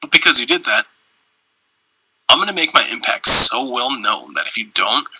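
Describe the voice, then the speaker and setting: A young man talks loosely on a casual podcast, swearing and getting animated as he tells his stories. His voice is very bright and a bit husky. The sound is dry and close. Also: medium pitch, moderate pace, no room sound, low-quality recording. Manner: loose, profane, animated storytelling. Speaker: podcast co-host. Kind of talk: casual chat.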